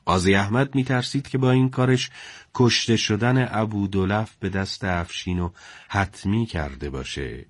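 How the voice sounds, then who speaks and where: Male storyteller, low voice, dry close sound, colloquial and steady. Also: dry recording. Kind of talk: conversational story narration.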